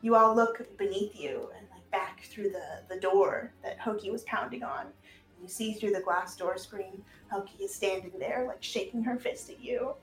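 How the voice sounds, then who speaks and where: A woman's voice: medium pitch, moderate pace. A woman hosting and narrating an improvised tabletop game in a casual, encouraging way. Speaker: game master and host. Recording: echoey room, music behind.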